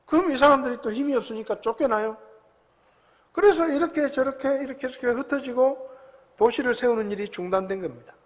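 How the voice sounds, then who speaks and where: A man preaching a sermon as pastor in a church sanctuary, talking conversationally, with big swings between loud and soft. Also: very high-pitched, fairly quick. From South Korea. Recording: long hall reverb.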